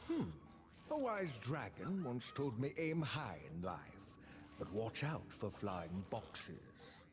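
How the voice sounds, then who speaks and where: An actor voicing a wise old male dragon in a video game, giving advice in a slow, musing way. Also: medium pitch, big pitch swings.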